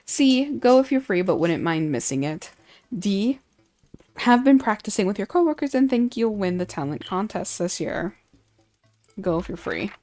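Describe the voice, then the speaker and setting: A woman's voice: medium pitch, darkish tone, dry recording. A woman streamer reading quiz questions aloud in casual chat, playful and mock-indignant, swearing casually.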